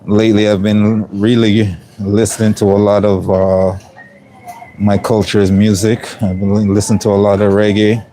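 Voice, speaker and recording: A middle-aged man originally from Jamaica talks casually as he cooks for a livestream, his mostly Canadian accent tinged with Jamaican. Relaxed and rambling, he uses many ums, speaking at a moderate pace in a lowish voice over slight background noise.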